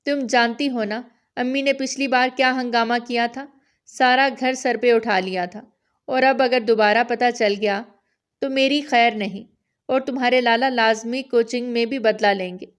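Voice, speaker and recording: A woman's voice: on the high side, close to an everyday voice. A woman voicing a playful, mischievous young wife who chatters and pleads in a slightly raised voice. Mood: flustered.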